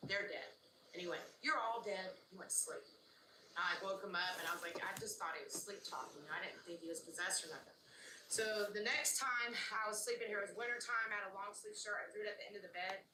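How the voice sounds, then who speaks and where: A woman's voice: medium pitch, fast. An older woman, the owner of the house, recounting her ghost story in a plain storytelling way and acting out her husband's lines. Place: inside an old house. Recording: roomy, distant, noisy clip.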